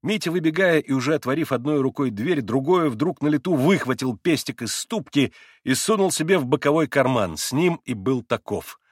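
A man reads a classic novel aloud in a measured, expressive way, with a mid-range voice. The recording is dry and close, on a studio mic with no room sound. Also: medium pitch, breathy edge, no room sound. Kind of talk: audiobook narration of a classic novel.

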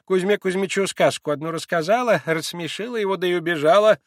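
A male reader voicing a frightened old female servant in a high, fussy, quavering voice. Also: fast, no room sound, clean studio sound, close to an everyday voice. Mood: chattering.

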